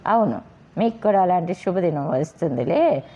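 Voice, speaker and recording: A woman's voice: on the low side, animated, moderate pace, pitched above the performer's own voice. A woman voicing a meek, henpecked husband who talks with a sly, sarcastic edge, on a slightly dull recording. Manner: pleading, then sarcastic. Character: meek henpecked husband, cheeky when free.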